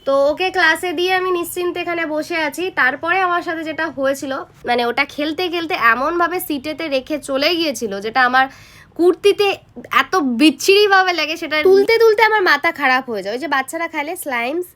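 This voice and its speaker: Young mother vlogger, high voice, chatty direct-to-viewer narration. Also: fast, a bit bright. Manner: chatty, talks straight to viewers. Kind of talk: casual vlog narration.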